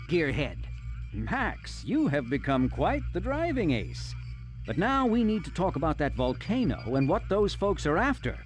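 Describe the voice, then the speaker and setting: An actor playing an earnest scientist and inventor mentor in a video game, explaining things expressively over music. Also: male voice, on the high side. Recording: music under the voice.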